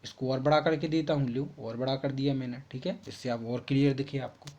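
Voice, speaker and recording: Here a man with a mid-range, slightly mellow voice speaks a little fast and with fairly even intonation while helping schoolchildren through textbook answers. Patient throughout, he repeats himself and checks in with "ठीक है" often. Sound quality is lo-fi, muffled and slightly husky.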